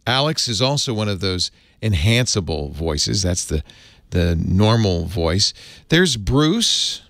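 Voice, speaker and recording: Male tutorial host, easygoing and chuckly; animated pitch, dry sound. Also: slow, no echo. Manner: chatty, chuckles often, easygoing explaining. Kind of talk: casual tech tutorial.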